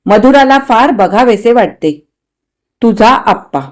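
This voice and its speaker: A woman's voice: fairly high pitch, expressive, measured pace. A woman voicing an older man's affectionate letter of invitation in a read-aloud story, reading it with emphatic feeling. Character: older man writing a warm, loving invitation.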